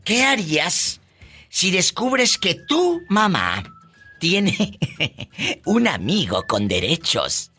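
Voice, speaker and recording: A woman's voice: on the low side, sing-song, extremely slow, sharp tone, soft background music. A woman hosting a comic call-in show, flamboyant, teasing and campy. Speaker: radio comedy host.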